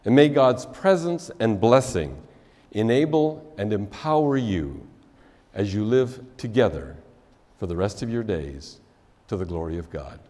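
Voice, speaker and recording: An older man officiating a wedding, preaching in a measured way with a lively, rising and falling pitch. His phrase endings sink softly, and a long church reverb trails behind every line. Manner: measured preaching, soft drop at phrase ends. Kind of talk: wedding sermon. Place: church sanctuary, indoors.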